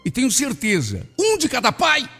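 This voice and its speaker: A man voicing a worried, scolding middle-aged mother in a radio story, with a shrill, exasperated manner. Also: huge pitch swings, moderate pace, creaky, breathy edge, exaggerated voice. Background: soft music.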